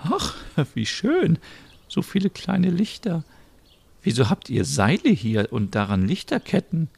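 A man playing a fussy old lady, high and quavering, lively rise and fall. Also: a little slow, creaky, slightly rough, full character voice. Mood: charmed. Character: old-fashioned elderly woman, prim and fond of traditions. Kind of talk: voicing characters in a narrated story.

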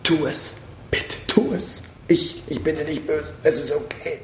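A battered teddy bear near death speaks in a weak croak, as a man puts him on. The voice is soft and breaks a little, with a roomy echo around it. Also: fairly high pitch, lively intonation, unhurried, slight background noise. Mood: weak pleading.

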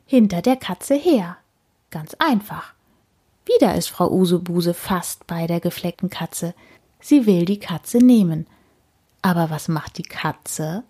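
A woman reading a children's story aloud, slow and expressive with deliberate repetition. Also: lowish voice, slightly rough.

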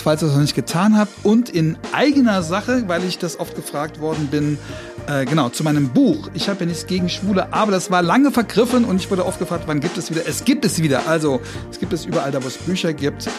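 A man hosting a podcast interview, talking in a halting way with restarts and chuckles. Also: sits high, lively intonation, darkish tone, faint music behind. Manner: halting, restarts words, chuckles between phrases. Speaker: podcast host. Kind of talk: casual interview chat.

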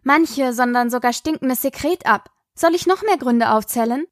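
A woman's voice: sits high, dry recording, clean studio sound, natural voice. A woman reading an audiobook, voicing a sarcastic, teasing teenage daughter. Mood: panicked. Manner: sarcastic, quick-tongued.

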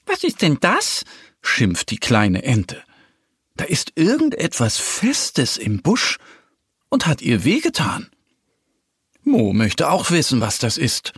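A man narrating a children's story in a lively, unhurried storytelling manner. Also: medium pitch, breathy edge, no room sound, studio quality.

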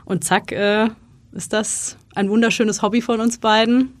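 A woman's voice: mid-range voice, steady tone, a little slow, no echo. A woman guest in a casual interview, chatting freely and acting out little quoted exchanges as she tells her stories. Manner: chatty storyteller, acts out quoted dialogue. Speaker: guest, freelance consultant and wedding speaker.

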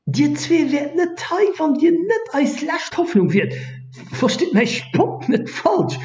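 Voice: sits high, very animated, measured pace, a little mellow, roomy sound, lo-fi sound, faint music behind, pitched above the performer's own voice. A performer voicing a mocking, theatrical old wizard who teases and exclaims in a fantasy story. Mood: teasing. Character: tall bearded old wizard, mocking and gruff-humoured.

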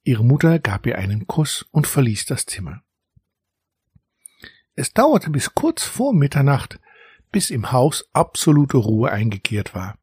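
A man calmly narrating a children's story as an audiobook reader. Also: medium pitch, a little slow, breathy edge, no room sound, clean studio sound.

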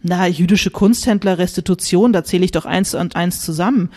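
A woman's voice: fairly low pitch, warm tone, close to an everyday voice. A woman playing a brash, blunt group member. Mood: accusing. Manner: quick, pushy, accusatory. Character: brash blunt middle-aged woman, accusing.

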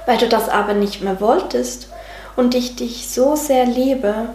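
A loving, patient soul speaks from within, as a woman storyteller puts it on, gentle and guiding. The voice sits a little high and unhurried. The room sounds roomy, with soft music underneath. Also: lightly acted. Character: loving, reassuring inner voice of a soul.

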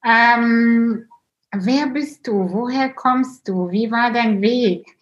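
A woman's voice: a little high, drawn-out words, lo-fi sound. A woman from Kazakhstan hosting a casual interview and asking personal questions. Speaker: host.

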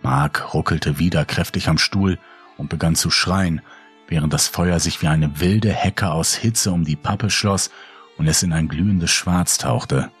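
A male storyteller reads a horror tale in a dark, measured way. His voice is very deep and husky, and soft music plays faintly under it. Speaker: narrator. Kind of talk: scripted horror narration.

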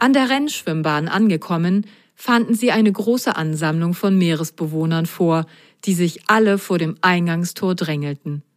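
Woman, storybook narrator, expressive, lower voice, dry studio sound. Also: no echo. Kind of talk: children's storybook reading.

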